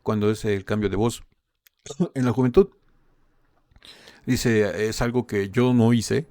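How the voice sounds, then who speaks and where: Gravelly low-voiced man translating casually. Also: takes it slowly, darkish tone, no echo, studio quality. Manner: relays quotes with frequent "dice" and "¿no?". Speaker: reaction channel host translating a live stream.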